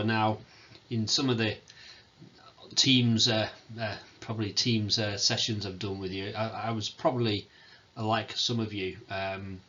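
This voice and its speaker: A man, a teacher giving a recorded farewell talk to his students, hesitant with many pauses and fillers, in a self-described monotone. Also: fairly low pitch, muffled recording. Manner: hesitant, many ums, calls himself monotone. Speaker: sixth form teacher.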